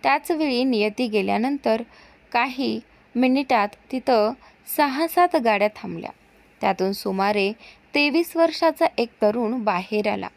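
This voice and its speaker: A woman reading a romantic story aloud in a steady, clear narrating voice. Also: on the high side, measured pace.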